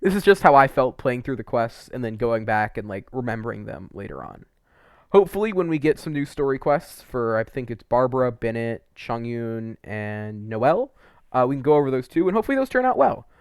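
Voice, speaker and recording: This mid-range, sing-song voice moves a little fast, with a clean tone and no room sound in studio-quality audio. The man, a video creator reviewing game quests, rambles in a casual, unscripted, opinionated way, emphatic and full of "like" and mild swearing.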